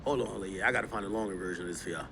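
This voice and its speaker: A man streaming live, commenting on clips and talking straight to his chat in an animated, emphatic way. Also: fairly low pitch, very fast, creaky, a loud crowd, very noisy. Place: New York.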